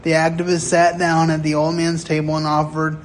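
A man in his sixties preaching a sermon in a chapel, telling stories earnestly with deliberate pauses. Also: on the high side, monotone, slight background noise. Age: 60s. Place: chapel sanctuary.

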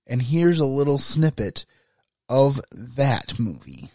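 A man hosting an informal film review, talking in a measured, deliberate manner. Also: mid-range voice, very animated, a little mellow, no room sound, studio quality. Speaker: host. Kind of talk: informal scripted-feeling review commentary.

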